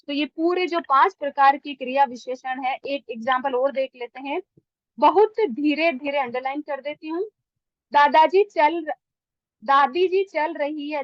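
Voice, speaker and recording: A woman's voice: high voice, dry recording, muffled recording. A woman Hindi teacher explaining grammar to students, asking questions and answering them herself, dropping English words in. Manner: asks and answers her own questions, repeating example sentences.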